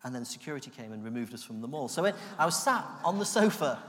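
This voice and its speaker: A man from the UK giving an animated, self-deprecating personal testimony that acts out the voices in his story. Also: mid-range voice, fast talker. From United Kingdom. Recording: long hall reverb.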